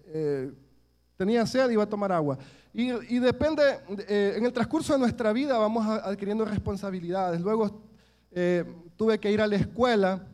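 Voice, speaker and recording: High-voiced preacher telling stories. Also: male voice, a little mellow. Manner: earnest, storytelling, addresses listeners as brothers. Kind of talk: sermon with personal stories.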